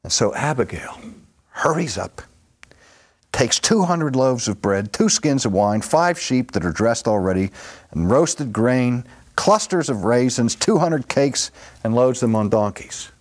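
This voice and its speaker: A man preaching a sermon, retelling scripture in an animated storytelling manner and acting out the voices of its characters. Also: mid-range voice, a little slow.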